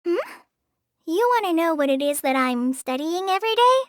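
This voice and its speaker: Voicing a timid young female ranger-in-training for a game, the actress uses a very high, bright voice and a gentle tone, pausing, sighing and saying sorry as she goes. Her pace is moderate. It's a close, dry booth recording with no room sound.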